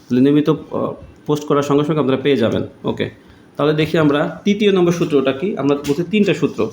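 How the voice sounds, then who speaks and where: A man teaching a grammar lesson, patiently repeating words and pausing often. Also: a little high, darkish tone. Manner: patient, repeats words slowly with many pauses. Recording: echoey room with faint noise.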